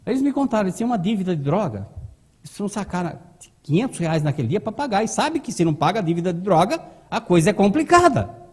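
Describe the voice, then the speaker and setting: A middle-aged man from Brazil telling a dramatic personal story at a lecture, in an animated way. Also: high voice, fast, slightly rough. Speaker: speaker at a spiritist lecture. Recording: long hall reverb.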